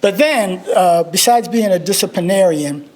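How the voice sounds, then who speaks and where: A man's voice: high voice, expressive, normal speed, darkish tone. A man, giving a memorial tribute speech. He tells humorous, self-deprecating stories. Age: 60s. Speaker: alumnus speaker at a memorial service.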